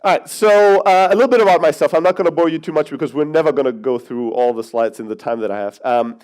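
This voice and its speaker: Here a Greek man in his thirties, raised in Germany, jokes his way through a brash conference-hall keynote with a swear or two thrown at the audience. His voice runs on the high side, quick and darkish, on a rough recording.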